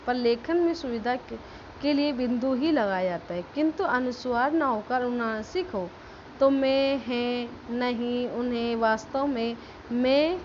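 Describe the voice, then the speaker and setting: A woman school teacher explaining a grammar lesson step by step, stressing example words slowly and checking that students follow. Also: fairly high pitch, muffled recording, a little hiss or hum. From India.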